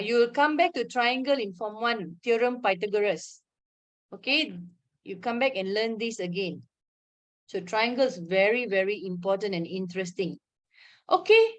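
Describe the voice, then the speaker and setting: Slow, high-voiced Malaysian woman teaching. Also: fairly bright tone. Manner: informal, checks understanding with frequent questions and local particles. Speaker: maths teacher. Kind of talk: online maths lesson, explaining step by step.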